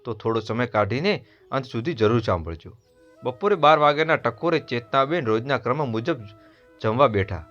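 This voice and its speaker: A man with a Gujarati accent narrating a family story in a steady, earnest scripted read. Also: mid-range voice, normal speed. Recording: dull lo-fi voice over soft music.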